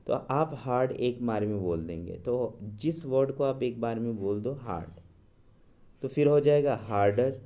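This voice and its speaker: A man's voice: medium pitch, mellow. A man teaching English grammar, patiently explaining and drawing out his English examples word by word. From India. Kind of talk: classroom grammar lesson.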